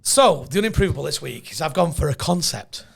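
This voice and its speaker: A middle-aged man with an English accent chats on a comedy podcast, cracking jokes and slipping into silly voices. His voice sits high and swings widely, and a gravelly fry runs under it. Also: expressive, fairly quick, soft background music. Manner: jokey, laughs a lot, does silly voices. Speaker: podcast co-host. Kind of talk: casual comedy podcast chat.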